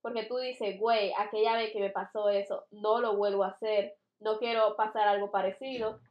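A young adult woman in casual chat, animated and laughing as she acts out quotes. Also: medium pitch, moderate pace, roomy sound, muffled recording.

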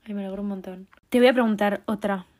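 A young woman interviewing someone in a relaxed, chatty way, passing on questions from fans. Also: medium pitch, quick pace. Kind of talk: casual conversation.

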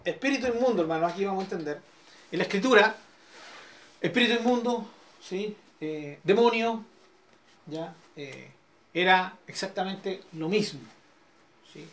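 A man's voice: high voice, fairly bright tone. A middle-aged man with a Chilean accent, a pastor teaching an interactive Bible study who keeps checking in with his listeners. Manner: questioning, checks in with listeners often.

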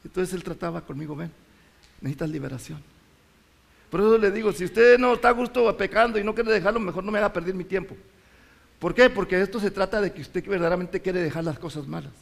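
High-voiced impassioned male preacher. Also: fast, vocal fry. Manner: impassioned, rises to shouts and drops low. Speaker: pastor. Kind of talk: sermon.

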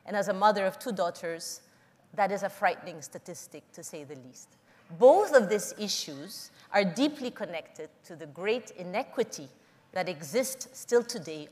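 A middle-aged woman from the Philippines giving an earnest, measured public talk, telling personal stories to an audience. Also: medium pitch, big-room sound. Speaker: conference speaker.

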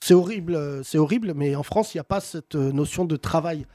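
A man's voice: fairly high pitch, brisk, dark tone, no room sound, studio quality. A man hosting with casual, teasing banter, often laughing as he needles his guests. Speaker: show host.

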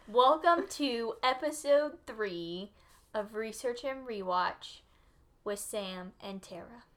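A woman co-hosting a casual podcast. Her voice sits fairly high, and she talks loosely, with frequent laughter and "like" fillers. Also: animated, extremely slow, long pauses, a bit bright. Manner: laughs often, chatty with many "like" fillers. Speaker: podcast co-host. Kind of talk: casual chat.

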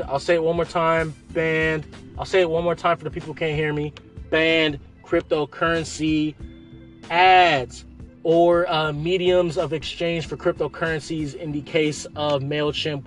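A young man hosting a casual crypto news show, talking loosely with sarcastic asides and restarts. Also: a little high.

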